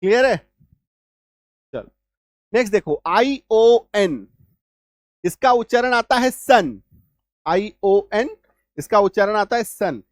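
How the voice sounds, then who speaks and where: Guy teaching spelling rules, keeps asking "clear?", dry close sound. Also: high voice, dry recording. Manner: checks understanding often, spells letters out slowly. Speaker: English teacher. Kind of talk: spoken spelling lesson.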